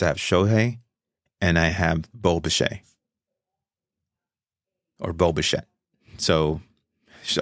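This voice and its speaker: Gravelly low-voiced man rambling on a podcast. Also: no echo, clean studio sound. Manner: rambling, self-correcting, chatty. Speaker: podcast host. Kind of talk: casual solo podcast talk.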